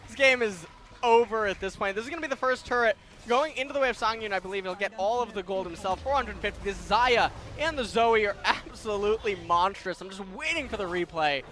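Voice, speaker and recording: A man's voice: high voice, animated, fast, few pauses, pushed and bright. A man giving analytical color commentary on an esports match, breaking down fights and replays. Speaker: esports caster.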